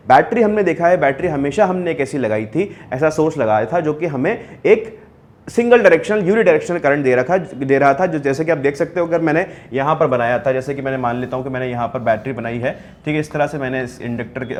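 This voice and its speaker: A man lecturing on physics to students, asking questions and answering them himself, repeating key terms and mixing in English technical words. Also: mid-range voice. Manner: mixes English technical terms into his talk. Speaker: physics teacher. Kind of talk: classroom lecture.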